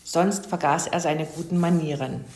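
A woman reading a children's story aloud in a calm, even manner. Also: sits low, moderate pace. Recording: roomy echo.

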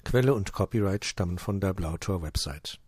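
Man reading a funny story, lowish calm voice, dry sound. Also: normal speed, slightly rough, no room sound. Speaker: narrator. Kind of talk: scripted reading of a humorous story.

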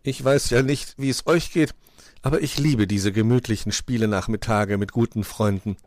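A man's voice: on the low side, normal speed, a little mellow, no room sound, natural voice. A man voicing a grumpy, smug male gnome who grumbles and gloats. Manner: grumbling, then smugly content.

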